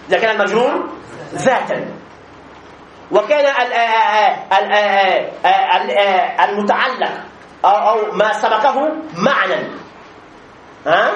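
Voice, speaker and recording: High-voiced man teaching grammar in an echoey room. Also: fairly bright tone. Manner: repeats examples slowly, many drawn-out fillers, checks understanding. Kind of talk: classroom grammar lesson. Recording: echoey room with faint noise.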